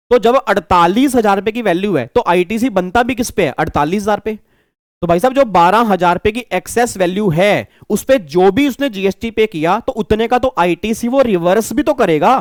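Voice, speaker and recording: A man teaching a tax class who explains through lively stories, acting out the people in them. His voice sits high for a man, and the recording is dry and close. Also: dry recording. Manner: lively, storytelling, acts out dialogue. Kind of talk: lecture with acted stories.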